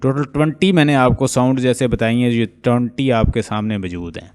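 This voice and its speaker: A man teaching an online phonetics lesson, explaining step by step and slowly drawing out example sounds. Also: mid-range voice, a little mellow, clean tone. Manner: slow, explaining step by step, mixing English terms into speech; repeats and drawls out example sounds. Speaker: English linguistics teacher. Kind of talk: online lecture.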